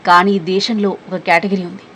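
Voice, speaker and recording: Woman voicing a calm mysterious young man. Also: a little hiss or hum, lightly acted. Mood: calm, teasing. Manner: quiet, low and measured.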